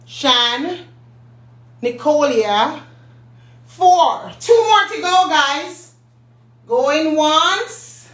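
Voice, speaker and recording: A woman's voice: high voice, a bit bright. Playful woman host in an echoey room. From Jamaica. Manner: playful and teasing, laughs often. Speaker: host and company CEO. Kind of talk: casual live-stream giveaway. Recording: echoey room, mic at a distance.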